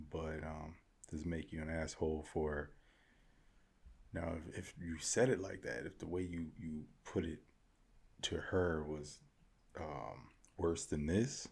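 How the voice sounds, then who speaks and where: Male host, very low gravelly voice, loose unscripted commentary. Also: darkish tone. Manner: thinks aloud, rambling with restarts. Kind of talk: casual commentary on reader posts.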